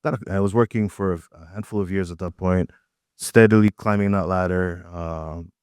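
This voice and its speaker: Deep-voiced Tanzanian-born man. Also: normal speed, clear, resonant tone, no room sound, clean studio sound. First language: Swahili. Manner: reflective, relaxed, with frequent fillers. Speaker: guest artist. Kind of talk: casual interview storytelling. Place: art gallery.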